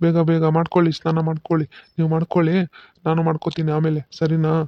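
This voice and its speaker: A man's voice: fairly high pitch, monotone, quick pace, no room sound, lo-fi sound, natural voice. A man voicing a patient village father in a cartoon who explains the ritual step by step and keeps checking that he is understood. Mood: instructive. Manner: instructive, keeps asking "okay?". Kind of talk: cartoon voice acting.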